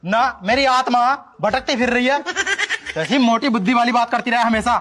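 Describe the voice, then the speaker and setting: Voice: medium pitch, moderate pace, close to an everyday voice. A performer playing a short-tempered rural husband, scolding his wife in a comedy skit. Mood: irritated.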